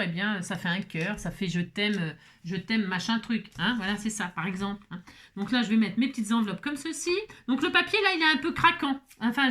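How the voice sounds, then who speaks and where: A woman's voice: medium pitch, pushed and bright. A middle-aged woman chatting casually through a crafting tutorial, rambling, restarting and stammering, with self-mocking asides. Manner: stutters and restarts often. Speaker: craft vlogger.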